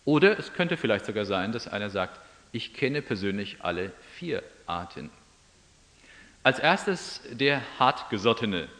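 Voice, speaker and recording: A man's voice: lowish voice, fairly bright tone. A man preaching a sermon. He reads scripture aloud, then explains it in an everyday, musing tone.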